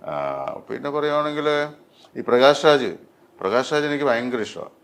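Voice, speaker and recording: A middle-aged man, a dubbing artist, talking in an interview with many pauses and fillers. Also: mid-range voice, creaky. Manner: hesitant, many fillers and restarts. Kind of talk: interview conversation.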